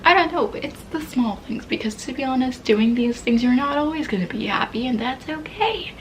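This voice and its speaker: A woman's voice: high-pitched, lively intonation, normal speed, low-quality recording. Woman in her 20s, casual venting vlog, candid and rambling, half-whispered bits, faint background noise. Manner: swears casually, laughs at herself. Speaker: vlogger. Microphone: poor-quality mic.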